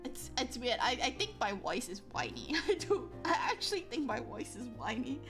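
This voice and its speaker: Chatting with her viewers on a livestream, a woman speaks at normal speed in a slightly high voice with big pitch swings. She rambles, filling her talk with likes and ums, and is self-deprecating as she reads the chat over soft background music.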